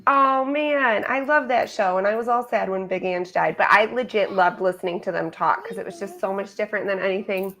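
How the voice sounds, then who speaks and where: A woman's voice: mid-range voice, a little fast, few pauses, a bit bright. A woman hosting a podcast, bubbly and enthusiastic in casual chat. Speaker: podcast host.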